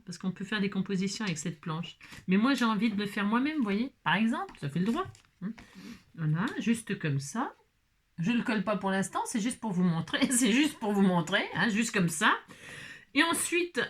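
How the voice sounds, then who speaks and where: An older woman chats her way through a craft tutorial in an easygoing, rambling manner. She stops to correct herself, hunts for words and breaks into small laughs. Her voice sits at a middling pitch for a woman. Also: lively intonation, moderate pace, a bit bright. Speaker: craft video host.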